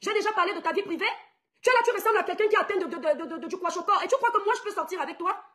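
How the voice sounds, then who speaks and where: Racing along at an extremely high pitch, her voice pushed and bright, a young blogger from Cameroon indignantly harangues her followers. She ridicules rivals and hammers the same points again and again.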